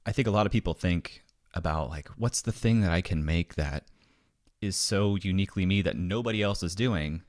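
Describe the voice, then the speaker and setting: Field: deep-voiced man in a dry home studio, guest. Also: normal speed, no echo. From American Midwest. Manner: animated, acts out little quoted dialogues. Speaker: podcast guest. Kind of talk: casual interview chat.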